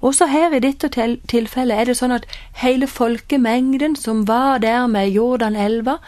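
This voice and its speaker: A woman teaches from the Bible in a calm, explaining way. Her voice is fairly high, and the recording is close and dry. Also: no echo.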